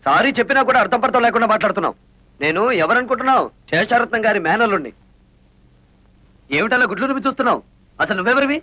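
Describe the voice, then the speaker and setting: A man's voice: sits high, expressive, racing, long pauses, pushed and bright, exaggerated voice. An actor playing a brash, cheeky young man who has come to court his cousins. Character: cocky young male nephew out to woo. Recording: dull film soundtrack with faint music.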